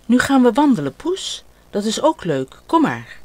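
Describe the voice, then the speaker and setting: Ot, an older woman doing a high eager little boy. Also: measured pace, dry recording. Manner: high excited childlike calls. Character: small boy, eager and playful.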